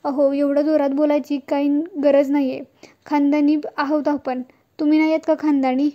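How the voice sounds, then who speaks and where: A woman voicing a proud, sharp-tongued mother-in-law who speaks in a dry, scolding way. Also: high voice, little pitch movement, normal speed, muffled recording, lightly acted.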